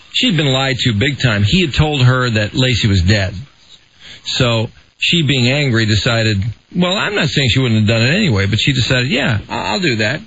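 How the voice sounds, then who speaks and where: A man's voice: medium pitch, a bit bright, breathy edge. A male radio talk host reading listener emails aloud and explaining at length. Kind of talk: radio talk show chat. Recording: muffled radio broadcast.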